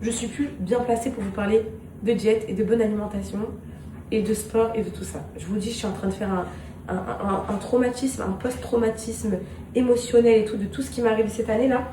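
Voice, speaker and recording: A woman's voice: mid-range voice, steady tone, a little fast. A woman chatting casually to her viewers in a home vlog, talking to them as girls while she cooks at home. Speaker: vlogger and mother. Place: home kitchen, indoors. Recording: echoey, noisy room, voice far from mic.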